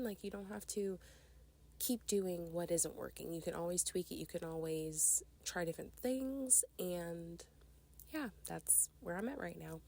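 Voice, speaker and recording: A woman's voice: on the low side, creaky, dark tone. A woman in her twenties hosting a casual solo podcast, sounding nasal and congested from a cold, chatty and rambling. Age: 20s. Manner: chatty, rambling, with fillers and laughs. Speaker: podcast host.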